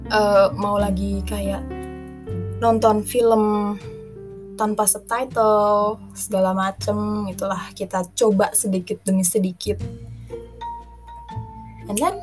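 A woman's voice: mid-range voice, level tone, slow pace, long pauses, over music. A young woman hosting a podcast in a casual, rambling monologue, full of fillers and restarts, dropping English phrases into slangy talk. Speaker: podcast host.

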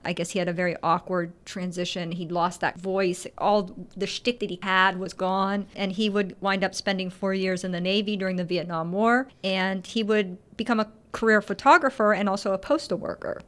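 Woman, podcast host, casual chat, animated retelling, frequent laughter. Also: mid-range voice, normal speed, hardly any pauses.

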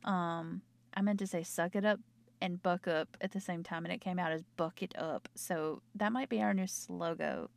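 A young woman with a North Carolina Southern accent, chatting casually and rambling, her voice slightly hoarse. She is a nurse talking into her own microphone in a small closet at home. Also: on the low side, fairly even intonation, moderate pace, dry recording. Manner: rambling, chatty, self-interrupting. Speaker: nurse and podcaster. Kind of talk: casual late-night chat.

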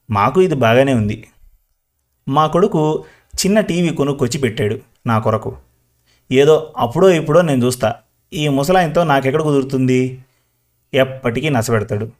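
Man playing talkative old village granny, slow and rambling, storybook. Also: mid-range voice, lightly acted. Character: chatty old village grandmother, talkative and proud. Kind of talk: storybook reading.

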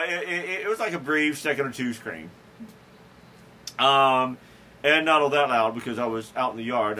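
On his podcast, a man with a sharp, mid-range voice drifts through a self-mocking story in relaxed conversation. He laughs softly along the way, often starting sentences over and leaning on filler words.

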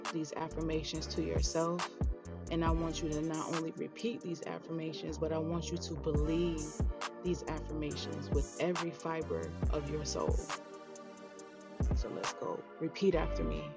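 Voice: medium pitch, level tone, normal speed, loud music behind the voice. A podcast host in their thirties giving an earnest, emphatic motivational spiritual talk straight to listeners. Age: 30s.

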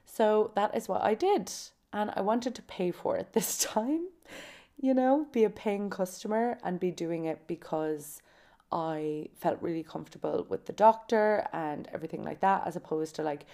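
Woman in her twenties, Kerry Irish accent, lowish pitch, very creaky, mellow tone, informal chatty solo storytelling. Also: animated, normal speed. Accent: Irish, from County Kerry in the southwest. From County Kerry, Ireland. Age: 20s. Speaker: podcast host. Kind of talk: casual solo chat, personal storytelling.

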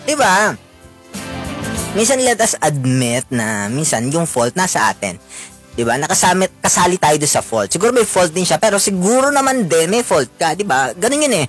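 A man's voice: sits high, sing-song, moderate pace, music in the background. A man with a Filipino accent giving casual relationship advice, mixing Tagalog and English and ending lines with questioning asides.

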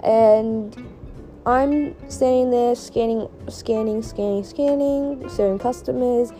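A woman's voice: fairly high pitch, steady tone, slow pace, warm tone, faint music behind. A young woman telling a story in casual vlog chat, profane and rambling with many fillers. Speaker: vlogger.

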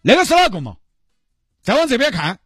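A cranky old man of seventy with a Sichuanese accent, scolding and nagging without a break, as a man puts him on. The voice sits very high and swings widely up and down, with a husky edge. It is recorded dry and close. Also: huge pitch swings, brisk, a bit bright, no echo, soft background music, full character voice. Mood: grumbling.

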